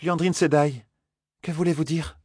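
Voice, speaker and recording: A man's voice: a little high, steady tone, normal speed, darkish tone, husky, no room sound, studio quality, pitched above the performer's own voice. A man voicing an earnest young noblewoman, the heir to a throne, in an audiobook.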